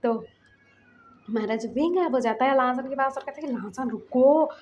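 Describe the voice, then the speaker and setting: A woman's voice: fairly quick, a little hiss or hum. A woman casually retelling a fan fiction story in a chatty way, acting out the quoted lines. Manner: chatty, acts out quoted lines with rising pitch. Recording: muffled lo-fi audio.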